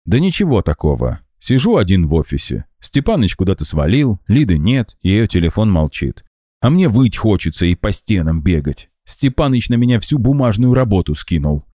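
A man's voice: on the low side, big pitch swings, normal speed, warm tone, no echo, studio quality. A man voicing an eager, restless young male colleague calling on the phone in an audiobook. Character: excitable young male office techie.

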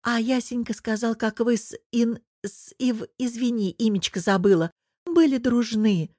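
A woman's voice: unhurried, dry recording. A doting older aunt, as a woman narrator puts her on, cooing and fussing in a raised, sing-song voice. She gushes over family and sweets in a storybook reading. The sound is dry and close. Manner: cooing, gushing, high and loud.

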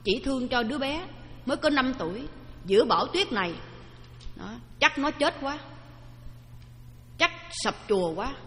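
A woman's voice: high-pitched, animated, normal speed, long pauses, a bit bright. A woman voicing a worried old male temple master, speaking fretfully and coaxingly. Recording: long hall reverb.

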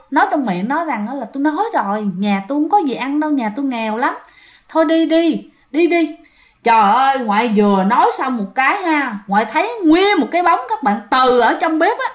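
A woman narrating ghost stories, animated and speaking directly to listeners. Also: high voice. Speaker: storyteller.

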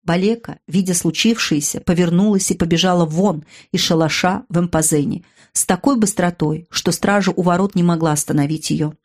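A woman's voice: on the low side, fairly quick, few pauses, darkish tone. A woman narrating a dramatic audiobook, raising her voice for the characters' cries.

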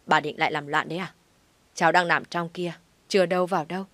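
A stern older grandfather reproves firmly and then steadies his family, as a woman reader plays him. The voice is low and dry. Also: steady tone, quick pace, fairly bright tone, no room sound, lightly acted.

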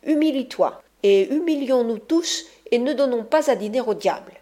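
A woman reader plays a hot-headed male bully who swings between coaxing and bluster. The voice sits a little higher than her narration and pushes forward with boastful threats. It stays a storybook reading throughout. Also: lively intonation, moderate pace, dark tone, close to an everyday voice. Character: proud hot-tempered male ruffian, blustering. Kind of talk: audiobook reading.

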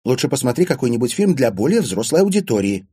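A man voicing a quick-tempered, sarcastic teenage schoolgirl in an audiobook, shrill and indignant. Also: sing-song, mellow, slightly rough. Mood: teasing.

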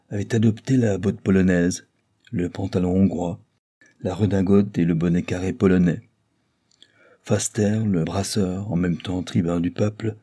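Man, audiobook narration, steady, measured, deep, husky. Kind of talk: scripted novel narration.

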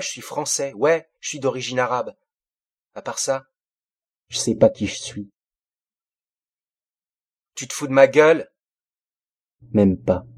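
Reading an audiobook in the first person, a man with a mid-range, breathy voice plays an angry fifteen-year-old boy from the housing projects, spitting bitter street slang in agitated bursts.

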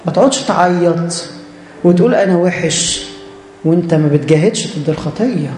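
A man's voice: fairly high pitch, expressive, fast, warm tone, roomy sound, faint music behind. A man with an Egyptian Arabic accent preaching a church sermon, earnest and direct, repeating phrases for emphasis.

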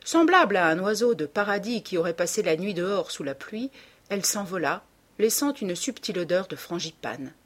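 A woman's voice: fairly low pitch, lively intonation, normal speed. Woman narrating a classic novel. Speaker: audiobook reader.

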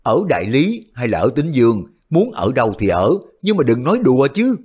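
A man voicing a hot-tempered, blunt and honest short male martial artist who blurts things out loudly. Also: medium pitch, big pitch swings, normal speed, husky. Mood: agitated. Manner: loud, hasty outbursts.

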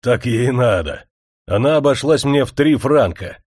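A man voicing a rough, mocking male Breton cavalryman in a spoken story, raising his voice high and loud. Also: lively intonation, measured pace, no echo, clean studio sound. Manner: guffawing, mocking.

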